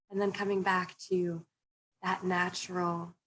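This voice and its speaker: Slow, soothing woman guiding breathing meditation. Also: lowish voice, little pitch movement. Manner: soothing, gently instructing. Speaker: meditation coach and panel guest.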